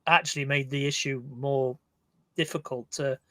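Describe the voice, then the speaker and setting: A man co-hosting a review podcast, talking in a halting way with many restarts. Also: medium pitch, fairly even intonation, bright, forceful tone, no room sound. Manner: hesitant, restarts words, halting. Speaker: podcast co-host. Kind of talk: casual review discussion.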